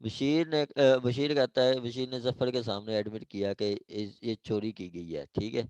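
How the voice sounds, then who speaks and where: A man with a Pakistani accent gives an informal law lecture in a mid-range, a little mellow, clear and resonant voice with fairly even intonation, explaining through examples. He hesitates often, repeats phrases to check listeners are following, and reads legal text slowly in English. There's no room sound, and the highs are cut off.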